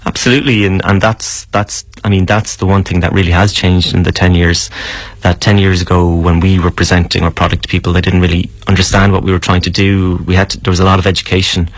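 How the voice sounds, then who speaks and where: A man's voice: low voice, little pitch movement, quick pace, hardly any pauses, dry recording. A man explaining things as an interview guest, casually and hesitantly, repeating words as he goes.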